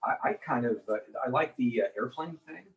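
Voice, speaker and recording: A man's voice: mid-range voice, brisk, distant mic, dull audio. A man hosting a casual interview, rambling loosely with fillers. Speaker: radio talk show host.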